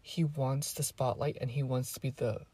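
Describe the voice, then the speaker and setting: An eighteen-year-old woman with Spanish as her first language vlogs casually, rambling chattily and wandering off topic for her viewers. Her very deep, husky voice is dark and steady at a moderate pace, and the recording is dry.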